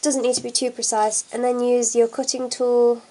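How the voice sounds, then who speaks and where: A young woman with a blocked nose from a cold chats her way through a hands-on craft tutorial, working at an indoor table with her hands on camera. Her voice sits on the high side with a level tone and moderate pace, full of ums and fillers, against a noisy background.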